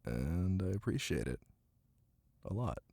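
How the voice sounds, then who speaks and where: In an intimate ASMR roleplay, a man with a deep, husky voice plays a ticklish, playful boyfriend reading aloud to his partner, tender and affectionate. His soft, unhurried teasing comes with murmured pauses, big pitch swings and an exaggerated voice. The close mic catches a dry sound with rain in the background.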